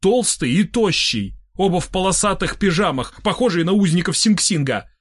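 Man narrating a story aloud, kinda high voice, dry deadpan-ish, no room echo. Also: moderate pace. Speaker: audiobook narrator. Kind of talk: first-person audiobook narration.

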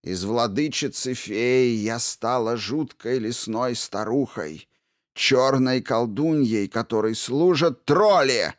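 A man voicing an old witch who was once a fairy queen, bitter and guarded, in a hushed, slow, menacing tone for an audiobook. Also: medium pitch, dry recording, studio quality, voice pushed up, lightly acted. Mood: hissing, bitter. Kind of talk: audiobook character reading.

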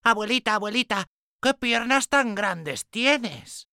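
A man voicing a cheerful, naive little girl in a storybook reading, squeaky, eager and sing-song. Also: lively intonation, slow pace, vocal fry, pushed and bright, clean tone, dry recording, clean studio sound, exaggerated voice. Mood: wondering.

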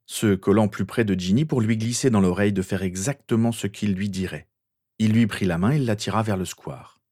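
A man narrating a fan fiction audiobook in a steady, measured way. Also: low voice, no room sound, studio quality.

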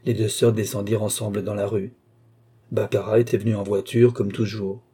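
A man narrating a classic novel as an audiobook, with steady storytelling. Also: on the low side, a little fast, breathy edge. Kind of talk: scripted narration.

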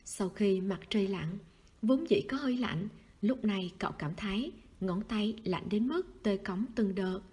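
A woman calmly narrating a novel as an audiobook reader. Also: medium pitch, unhurried, husky.

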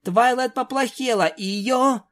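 A reader voicing a spirited, brash young female pegasus pony in a storybook reading, talking loudly and excitably. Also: mid-range voice, a little slow, voice pushed up, lightly acted. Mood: frantic. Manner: loud, excitable, shouting.

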